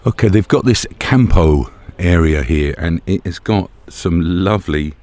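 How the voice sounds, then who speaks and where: Speaking in a low, darkish voice at a measured pace, this middle-aged man from Britain is a travel vlogger talking casually to camera at a campsite. He holds the camera at arm's length, and the outdoor recording picks up background noise.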